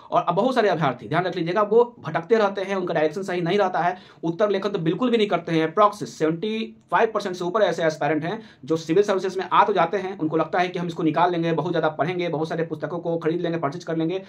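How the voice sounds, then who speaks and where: A male coaching teacher, giving an urgent motivational talk to exam aspirants and repeating his warnings. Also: high-pitched.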